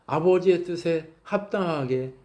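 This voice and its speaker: A male pastor delivers a sermon in a church, his voice a bit high yet warm and mellow. He keeps turning to the congregation with questions and briefly acts out the voices in the story he tells. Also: measured pace. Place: church sanctuary.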